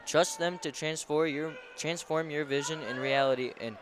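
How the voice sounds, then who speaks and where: A man reads a short sponsor advertisement aloud and trips over a few of the words. His voice sits a little high. A clear noise hangs behind the read. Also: steady tone, normal speed. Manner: reads with stumbles. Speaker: sponsor reader.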